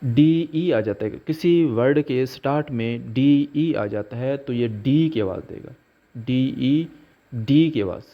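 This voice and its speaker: A man teaching pronunciation rules, slowly spelling out letters and example words. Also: medium pitch. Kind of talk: slow explanatory lesson. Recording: dull lo-fi recording.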